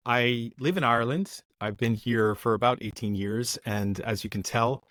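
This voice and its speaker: A middle-aged American man appears as a podcast guest, relaxed as he tells stories from his career in a casual interview and often restarts his sentences. His voice is medium in pitch at normal speed, on a dry recording.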